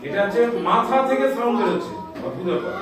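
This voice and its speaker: A man's voice: extremely high pitch, lively intonation, racing, heavy reverb, recorded from a distance, over a noisy crowd. A man teaching schoolchildren a music lesson, explaining step by step, calling out scale notes and scolding the chatty ones. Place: school classroom.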